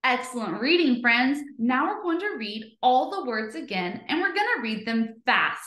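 A woman leads a children's phonics lesson with a bright, sharp voice pitched a little high. She sounds out letter sounds slowly and clearly, cheering the kids on, and her voice rings in an echoey room. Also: big pitch swings. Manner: cheerful and encouraging. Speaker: teacher.

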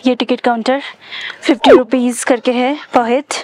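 A woman's voice: high voice, steady tone, measured pace, a little mellow, slight background noise, rough recording. A woman in her thirties, hosting a travel vlog. She chats casually from inside a car and points out sights along the road. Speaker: travel vlogger.

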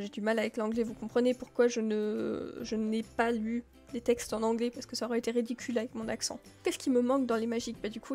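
A woman's voice: a little high, a little mellow. A woman giving casual, rambling commentary as she plays a video game, with many filler words. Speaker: gameplay video creator.

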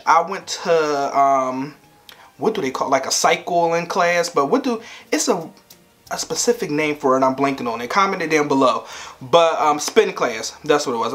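Laughing often, a young male vlogger in his twenties talks playfully to the camera at home in a casual chat. His voice is fairly high with a fairly bright tone.

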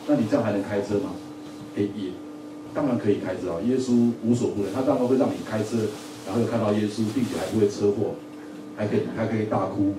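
A man teaching a Bible lesson in a church Sunday school, lively, often asking the audience questions and joking. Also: mid-range voice, background noise. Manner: lively, asks the audience questions, repeats words, jokes. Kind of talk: sermon-style Bible lesson. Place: church hall. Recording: echoey room from a distance, faint ambience.

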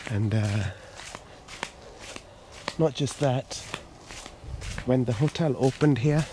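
A vlogger from Sri Lanka stands behind a handheld camera, giving chatty, casual walking-tour commentary along resort garden paths outdoors and often repeating himself. His voice is mid-range and slow, and the camera mic picks up clear background noise.

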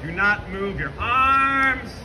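Guy doing live comedy trick show outside, really high voice, sardonic jokey patter, recorded from the audience with loud crowd noise. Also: lively intonation, slow pace. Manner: joking, sardonic asides. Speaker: street show performer and host. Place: outdoor fair show ground, filmed from the crowd. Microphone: camera in the audience, at a distance.

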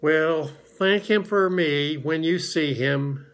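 A man voicing a gloomy old donkey in a storybook reading, speaking in a slow, sorrowful drawl. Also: on the high side, fairly bright tone. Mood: mournful.

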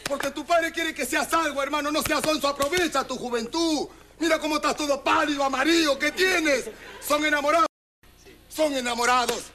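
A man with a Peruvian accent doing a stand-up comedy routine, loudly mock-scolding and teasing audience members on a television set. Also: very high voice, brisk, hardly any pauses. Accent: Peruvian Spanish. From Peru. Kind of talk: street-style comic routine with the audience. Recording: loud crowd and noise behind the voice.

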